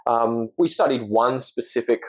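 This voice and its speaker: A man's voice: medium pitch, normal speed, low-quality recording. A man in his thirties with an Australian accent, an actor talking earnestly and reflectively as a podcast guest. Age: 30s. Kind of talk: casual interview chat.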